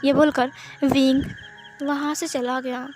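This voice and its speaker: A woman reading a fan fiction story aloud in plain narration with short pauses. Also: high-pitched, flat delivery, darkish tone, faint music behind.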